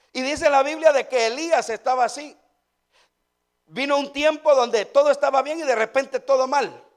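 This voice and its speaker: A pastor preaches to his congregation in a strikingly high voice for a man. He speaks, stacking up rhetorical questions and repeating his phrases for emphasis. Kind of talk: sermon.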